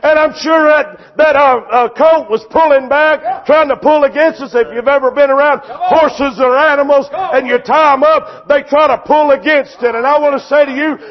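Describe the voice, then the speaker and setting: A man preaching a sermon, impassioned and often shouting, with a repetitive preaching cadence. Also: very high voice, normal speed, few pauses, lo-fi sound.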